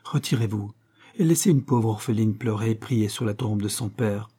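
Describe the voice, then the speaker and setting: A man's voice: lowish voice, moderate pace, dark tone, breathy edge. A man voicing a devout young orphan woman who speaks proudly and pleads. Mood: indignant.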